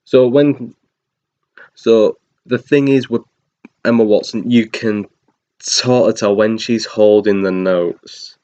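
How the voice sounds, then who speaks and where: Talking through a film in a casual spoken review, a man with a very deep, dark voice keeps a steady tone and a slow pace. He rambles loosely with ums, restarts and small chuckles, and the recording is dull and lo-fi.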